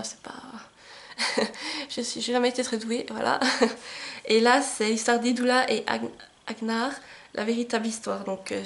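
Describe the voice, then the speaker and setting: A young woman vlogging about her book gifts in a chatty, enthusiastic way, often pausing on "euh" and laughing a little, recorded at home on a camcorder microphone. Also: fairly high pitch, gravelly, a little hiss or hum. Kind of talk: casual book haul chat to camera.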